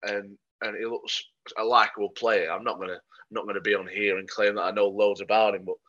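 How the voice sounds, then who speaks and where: Low-voiced man, muffled sound. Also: little pitch movement, brisk, fairly bright tone. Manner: dry, matter-of-fact opinions with frequent ums. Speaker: podcast co-host. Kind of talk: casual football podcast chat. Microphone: podcast microphone.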